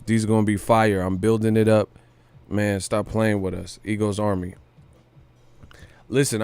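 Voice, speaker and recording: Speaking in a low, slightly mellow, clear and resonant voice, a man runs a boxing news livestream with casual commentary. He uses slang, swears a bit and repeats phrases to drive points home. There's no echo in the recording.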